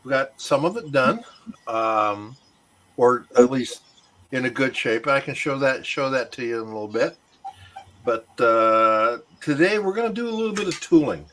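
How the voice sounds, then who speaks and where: A man's voice: medium pitch, expressive, moderate pace, a bit bright, slight background noise. Talkative guy explaining his project on a stream, lots of uhs and ums. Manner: chatty, explains his work with fillers. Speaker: woodworker guest. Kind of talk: casual livestream chat.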